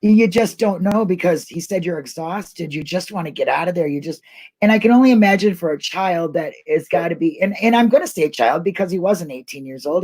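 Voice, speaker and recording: A middle-aged woman hosts an online talk show, running a casual live discussion in which she chats colloquially and rambles. Her voice is fairly low and a little mellow.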